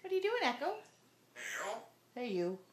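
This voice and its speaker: A woman coos coaxing questions at her pet bird in baby talk. Her high voice swoops all over the place. The room is echoey and the noise behind her is loud. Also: very animated, moderate pace. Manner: sing-song, coaxing questions. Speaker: pet owner. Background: dogs barking.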